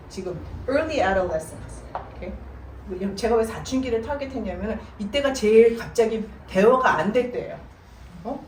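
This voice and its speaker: A middle-aged woman giving a church parenting seminar, telling stories with animated delivery and slipping English words into her talk. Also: mid-range voice. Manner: animated storytelling, mixes English words into Korean. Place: church hall. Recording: echoey room, voice from far off, faint noise.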